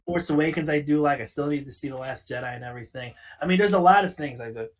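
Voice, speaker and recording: A man's voice: fairly high pitch, quick pace. A man in his late thirties co-hosting a podcast, earnestly explaining his views and leaning on "you know" as he talks. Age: late 30s. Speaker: podcast co-host. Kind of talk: casual conversational talk.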